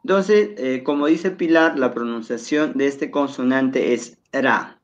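A man's voice: medium pitch, measured pace, lo-fi sound. A man teaching a televised language lesson, patiently explaining and repeating words for pronunciation.

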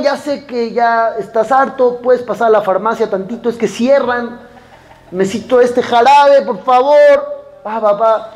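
A man giving a sermon as a rabbi, telling a story with lively acted-out dialogue and speaking directly to his listeners. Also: very high voice. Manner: animated storytelling, acting out dialogue, addressing the audience directly.

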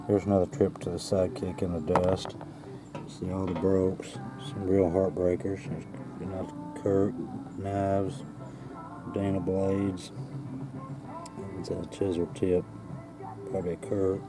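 Outdoors with a handheld camera held close to the ground, a plainspoken, folksy artifact hunter casually shows off his finds, musing in short first-person phrases while radio music plays in the background. His low voice is flat and measured, with frequent pauses, picked up by the camera's mic.

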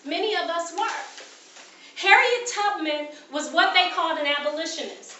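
High, bright-voiced woman speaking in an echoey room. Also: recorded from a distance, a little hiss or hum. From United States. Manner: emphatic, repeats key phrases, asks the audience questions. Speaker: keynote speaker. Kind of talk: motivational speech. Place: graduation ceremony room.

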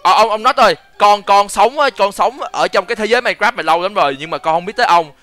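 An excitable young man hosts a game video, talking very fast in a high, bright voice. He jumps into role-play and yells repeated words when things get tense. Faint background music runs under him. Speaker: gaming channel host.

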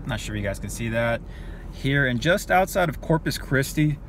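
A man's voice: medium pitch, animated, a little fast, a bit bright, slight background noise. A man in his thirties chatting casually as he vlogs, easygoing and full of filler words, filmed on a phone held at arm's length. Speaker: sneaker reseller vlogger. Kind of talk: casual vlog narration. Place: parked car and retail stores.

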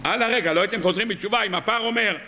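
A man's voice: high-pitched, a little hiss or hum. A man preaching as a rabbi, telling stories and firing rhetorical questions at his listeners. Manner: lively storytelling with rhetorical questions. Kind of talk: weekly sermon.

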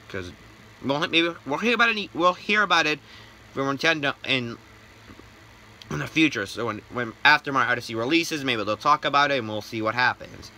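A man hosting a casual gaming news vlog, excitable and rambling, with many restarts and false starts. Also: medium pitch. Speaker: gaming YouTuber.

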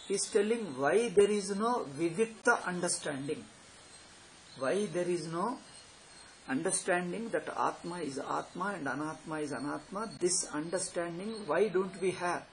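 A man in his sixties with a South Indian accent, giving an informal spiritual lecture in a didactic, repetitive, questioning manner. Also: high voice. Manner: didactic, repeats phrases and poses questions. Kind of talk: informal explanatory lecture on scripture with Sanskrit terms. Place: small plain room indoors. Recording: noisy amateur home recording.

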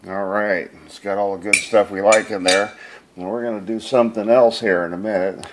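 A man's voice: on the low side, steady tone, a little fast, noisy background. A man casually narrating a home cooking video in his kitchen, rambling and folksy with lots of fillers.

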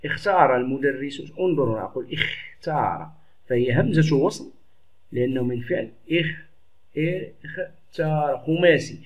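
A male teacher explaining a lesson to pupils, patient and explanatory, repeating words slowly. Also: mid-range voice. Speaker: Arabic teacher. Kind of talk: classroom lesson. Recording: dull lo-fi recording.

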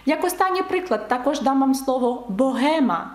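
A woman teaching beginners, her voice sitting a little high as she explains each point with emphasis and repeats examples slowly. The sound rings out in a room with clear echo. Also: expressive. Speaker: French teacher. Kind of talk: online lesson for beginners.

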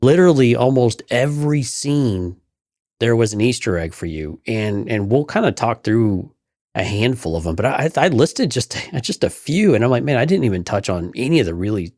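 A man's voice: medium pitch, animated, normal speed, a little mellow, no room sound, clean studio sound. A man co-hosting a podcast in an easygoing, joking way, with frequent stumbling restarts. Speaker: podcast co-host. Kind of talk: casual podcast chat.

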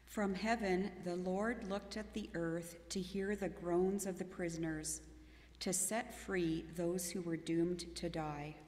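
A woman leading a responsive psalm and reading scripture aloud in a church service, in a measured way. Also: fairly low pitch, steady tone, a little mellow, slight background noise. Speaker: scripture reader. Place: church sanctuary. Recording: echoey church hall reverb.

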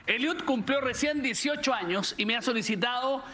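A woman co-hosting a live TV show, excitable, exclaiming and joking with guests. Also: fairly high pitch, moderate pace, a little hiss or hum. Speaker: TV show co-host. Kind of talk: enthusiastic live studio hosting. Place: large indoor TV studio. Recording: loud studio audience and band music.

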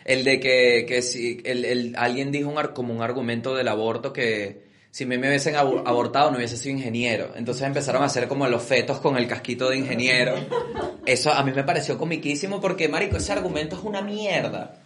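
A young man with a Venezuelan accent co-hosting a casual comedy podcast, animated and often acting out characters between laughs. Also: medium pitch, a little fast. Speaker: podcast co-host. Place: in front of a live audience.

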